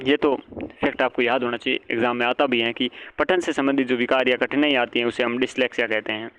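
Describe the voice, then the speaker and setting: Lecturing for exam prep, a male teacher asks his own questions, answers them and repeats each point. His medium-pitched voice is smooth with a fairly bright tone, though the lo-fi recording sounds dull.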